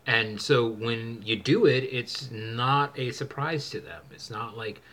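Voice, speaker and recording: A man's voice: mid-range voice, slow, bright, forceful tone. A man hosting a casual chat, rambling with many restarts and fillers. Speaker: channel host.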